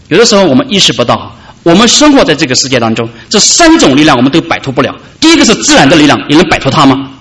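A pastor preaches a sermon, calling out loudly at the high points and dropping to softness in between, with dramatic rises and gentle falls.

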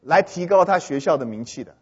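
A man with a high, lively, slightly husky voice that swoops around tells an audience a humorous story, animatedly pausing to ask whether they follow. The recording is dull and lo-fi, with long hall reverb.

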